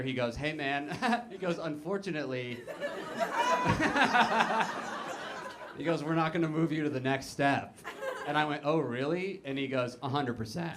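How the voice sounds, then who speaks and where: A man's voice: fairly high pitch, heavy background noise. A man performing a self-deprecating stand-up comedy set, telling stories and acting out other people's lines. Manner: self-deprecating storytelling with acted-out quotes. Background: audience laughter.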